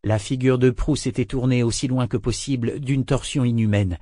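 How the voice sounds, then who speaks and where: A man narrating a fantasy novel in a steady, measured way. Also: mid-range voice, dry recording, studio quality. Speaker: audiobook narrator. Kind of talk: dramatic audiobook narration.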